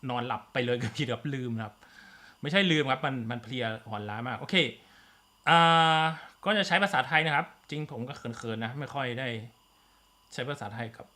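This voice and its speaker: A man's voice: mid-range voice, a little fast, bright, forceful tone. A man with a Thai accent teaching an online physics class, full of fillers and polite particles. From Thailand. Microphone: computer mic in video class.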